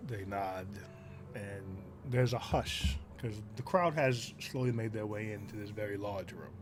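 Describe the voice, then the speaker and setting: A man narrating a tabletop game as game master in a slow, deliberate storytelling manner. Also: fairly low pitch, music in the background.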